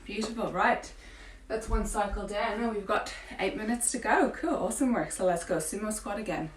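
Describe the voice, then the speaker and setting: A woman fitness coach leading a home workout, encouraging and cueing breaths, with a morning croaky voice. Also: medium pitch, moderate pace. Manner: encouraging, counting through exercises. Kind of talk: guided home workout instruction. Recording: roomy, from a distance with faint ambience.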